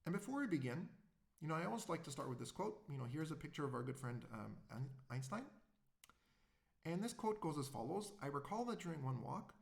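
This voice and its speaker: A man's voice: a little high, big pitch swings, brisk, vocal fry. A man giving a public introductory lecture in a conversational way, often asking the audience rhetorical questions.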